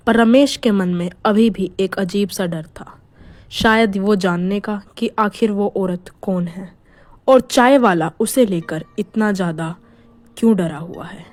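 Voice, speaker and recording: A woman narrates a spooky village tale with a dark, mellow voice. She often sinks into near-whispers to build suspense. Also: medium pitch, measured pace, dry recording. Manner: hushed, suspenseful storytelling. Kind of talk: scripted horror story narration.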